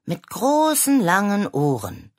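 A woman voicing an excited little boy who tells the story, eager and boasting. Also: mid-range voice, takes it slowly, voice pushed up. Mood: boastful.

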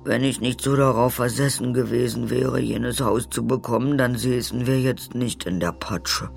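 A man voicing an anxious, self-blaming old man who talks slowly and mournfully in a storybook. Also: medium pitch, steady tone, gravelly, soft background music.

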